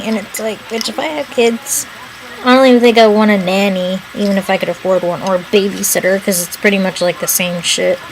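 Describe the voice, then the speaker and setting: A woman's voice: medium pitch, low-quality recording. A young woman in casual chat as a mukbang vlogger, rambling and swearing casually while she eats. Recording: noticeable background noise.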